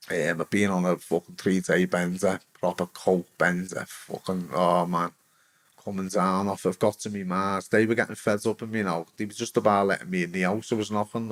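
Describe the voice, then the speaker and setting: A middle-aged man with a Liverpool accent tells his story bluntly in an interview. His voice sits a little low, and his speech is sweary and halting, full of restarts. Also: a bit bright. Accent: Liverpool Scouse. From England. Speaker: interviewee, former footballer. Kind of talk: candid personal storytelling.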